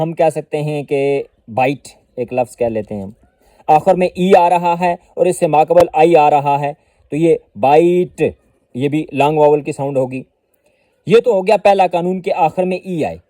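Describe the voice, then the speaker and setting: A man teaching an English pronunciation lesson, patiently explaining and slowly repeating example words. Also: fairly high pitch, dark tone, dry recording.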